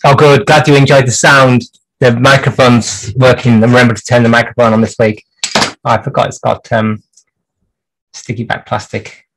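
A man's voice: medium pitch, flat delivery, moderate pace, vocal fry, fairly bright tone, low-quality recording. A man hosting a clock repair livestream from his workshop bench, chatting through the work with dry jokes and lots of hesitations.

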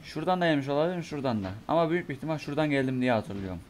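Young guy doing let's play commentary, kinda hoarse from a sore throat, muttering and cursing at the game. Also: fairly high pitch, lively intonation, very fast, slight background noise. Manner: mutters to himself, curses and reacts in bursts. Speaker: gamer playing a horror game.

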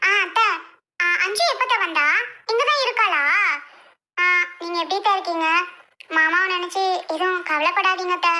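A woman playing a chirpy young woman in a homemade family skit, eager and a little pleading in tone. The voice is pushed very high and bright. The scene has the feel of a simple home-made family drama. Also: normal speed, pauses often, heavily acted.

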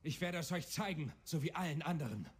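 An actor playing a power-hungry fallen mayor in a video game, declaiming like an evil emperor and demanding submission. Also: male voice, on the high side, lively intonation, fairly quick, slightly rough. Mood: imperious, menacing. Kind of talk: video game villain acting.

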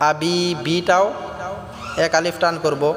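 A man teaching Quran recitation, chanting verses slowly and melodically, then explaining pronunciation quickly in a Bangladeshi Bengali accent. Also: on the high side, level tone, a bit bright. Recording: echoey reverberant room with faint background music.

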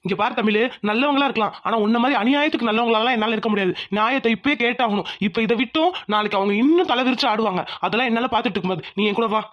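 A woman's voice: on the high side, racing, few pauses, dull audio, natural voice. A woman voicing a caring young husband in a cartoon, who keeps pressing with questions and flares up when his wife is wronged. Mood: determined. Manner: insistent questioning, fired up. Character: caring young husband, protective and quick-tempered. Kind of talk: cartoon voice acting.

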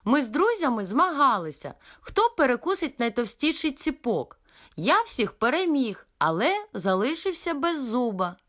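A woman voicing a boastful little male tiger cub in a storybook reading, with a high, excitable voice. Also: moderate pace. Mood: excited.

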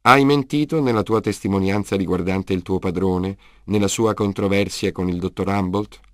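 A man's voice: deep voice, moderate pace, no echo, natural voice. A man voicing a weary male detective in an audiobook, asking dry, probing questions. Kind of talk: audiobook character reading.

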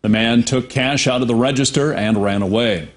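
A male news anchor reading scripted local news in a steady, measured way. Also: medium pitch.

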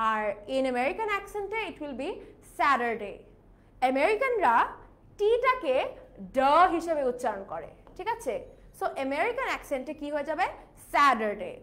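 A young woman, teaching pronunciation in a live online class, mixing Bengali with English and slowly drilling each word. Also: very high voice, fairly bright tone.

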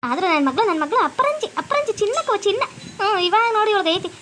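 A woman's voice: very high-pitched, very animated, fast talker, pushed and bright, a little hiss or hum, heavily acted. A woman voicing a scheming, spiteful old mother-in-law with a North Karnataka Kannada accent, gloating and repeating her words. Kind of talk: cartoon comedy voice acting.

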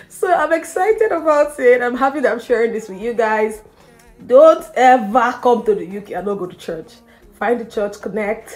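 A woman's voice: mid-range voice, a little mellow. A young woman vlogging to camera in a chatty, emphatic way, laughing often, a little nervous and slightly out of breath. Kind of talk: casual talk to camera.

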